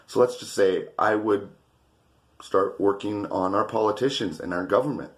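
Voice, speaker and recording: A man giving a relaxed, offhand answer on video. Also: on the low side, moderate pace.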